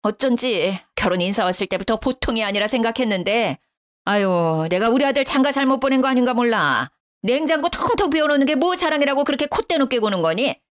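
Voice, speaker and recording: A woman's voice: on the high side, expressive, a little fast, pitched above the performer's own voice, lightly acted. A woman voicing a domineering middle-aged mother-in-law who scolds in a raised, condescending tone. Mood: scolding.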